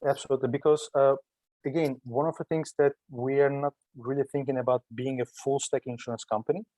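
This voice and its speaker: A man's voice: medium pitch, fairly even intonation, a little fast, dark tone, dry recording. A man with a Turkish accent, a native Turkish speaker, giving conversational, explanatory interview answers and often rephrasing himself. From Turkey. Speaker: startup entrepreneur being interviewed.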